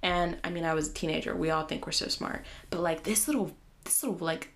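Young woman, slight lisp, lower-pitched, chatty and earnest, casual solo podcast host. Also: a little fast.

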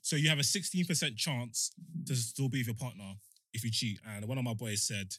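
A man's voice: mid-range voice, a little fast, a bit bright, no echo. A young man with a London accent, co-hosting a podcast in casual chat and reading out figures. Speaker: podcast co-host.

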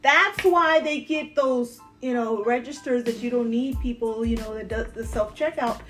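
A woman chats on a podcast with her brother, her voice high and bright. She rambles animatedly through stories and laughs often, with faint music playing behind her. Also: normal speed. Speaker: podcast co-host. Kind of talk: casual chat, storytelling.

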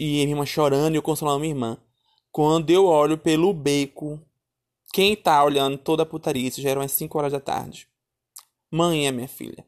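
A man telling a childhood story in a lively, chatty way, calling his listeners darling and my son. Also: on the high side. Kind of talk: casual storytelling.

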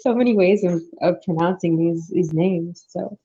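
A woman hosting a casual interview, friendly and chatty, with many fillers. Her voice sits fairly low. The recording sounds dull and lo-fi. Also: moderate pace, warm tone. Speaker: interview host.

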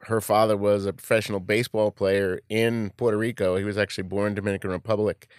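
Low, clear man. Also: little pitch movement, fast, no room sound, studio quality. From Queens, New York. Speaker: interview guest, club communications executive. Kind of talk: casual conversational reminiscence.

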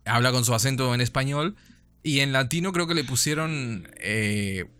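A man's voice: medium pitch, moderate pace, pushed and bright, clean tone. A man with a Buenos Aires accent co-hosting a podcast in casual chat, rambling with many restarts. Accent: Argentine, Buenos Aires. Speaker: podcast co-host.

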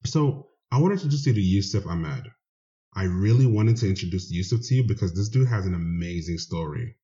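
A man's voice: sits low, lively intonation, a little fast, mellow. A man hosting a show, introducing a guest in an earnest, conversational way. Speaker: host. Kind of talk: casual spoken introduction. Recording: dull lo-fi recording.

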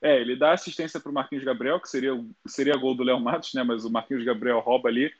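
Brazilian male co-host, rapid slangy chat, lo-fi muffled mic. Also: medium pitch, fairly even intonation. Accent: Brazilian Portuguese. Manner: quick, slangy, ends points with 'né?'. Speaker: podcast co-host. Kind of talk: casual sports podcast chat. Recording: dull lo-fi mic.

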